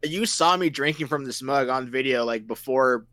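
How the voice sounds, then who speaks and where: Brief: man, mid pitch, dry close mic, swears and laughs, rough-and-tumble banter. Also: moderate pace, fairly bright tone, no room sound. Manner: laughs a lot, swears, mock-threatening banter. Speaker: podcast guest. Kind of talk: casual joking chat.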